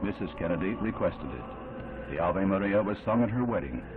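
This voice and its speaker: A man giving solemn, measured, formal narration in an old 1960s newsreel. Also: low voice, expressive. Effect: old 1960s newsreel sound. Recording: thin narrow-band old film audio with music underneath.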